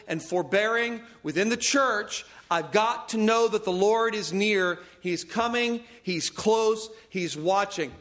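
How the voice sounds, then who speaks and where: A man's voice: high-pitched, a bit bright. A man preaching a sermon, stressing points through repetition and short bursts of phrases, with light self-aware humor. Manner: emphatic, repeats phrases for stress; self-aware humor about raising his voice. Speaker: pastor.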